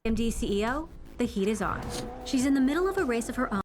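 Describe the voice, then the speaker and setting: A woman's voice: on the high side, expressive, fast, darkish tone, a little hiss or hum. Woman reporter's punchy narration. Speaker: news reporter. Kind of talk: scripted documentary narration.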